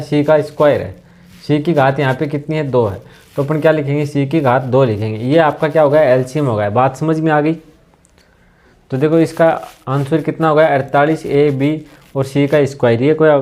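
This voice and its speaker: A man's voice: a little high, darkish tone. A man teaching a maths class for a recruitment exam, walking through each step with questions to the students and checking again and again that they follow. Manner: repetitive, asks the class if they understood; slows down when dictating terms. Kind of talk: exam-prep maths lesson.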